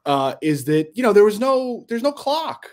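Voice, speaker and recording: A man's voice: high-pitched, very animated, normal speed, a little mellow. A man co-hosting a podcast, chatting casually with a teasing, laugh-prone manner. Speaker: podcast co-host. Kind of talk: casual chat.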